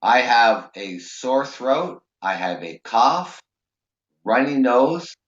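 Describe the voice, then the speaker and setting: A Canadian man hosts a casual call-in show, rambling with plenty of fillers and restarts while nursing a sore, raw throat and holding back a cough. His mid-range voice swings widely in pitch, moves slowly, and sounds a bit bright, with roomy, dull audio.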